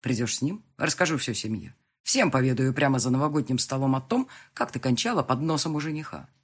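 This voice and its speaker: A man voicing a husky, menacing seducer. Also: animated. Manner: low, slow and menacing, with taunting laughs. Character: domineering, mocking adult man, seductive blackmailer. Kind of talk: audiobook dialogue reading.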